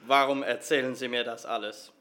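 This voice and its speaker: An actor playing a blunt, talkative bakery worker answering a phone in a comedy sketch. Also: male voice, mid-range voice, steady tone, a little fast, bright, forceful tone, close to an everyday voice. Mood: grumbling. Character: chatty, put-upon male wafer bakery worker.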